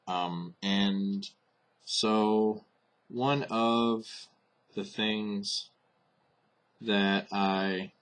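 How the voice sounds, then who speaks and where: A man's voice: low voice, fairly bright tone. A man hosting a casual monologue, thinking aloud with frequent fillers and restarts. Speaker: host.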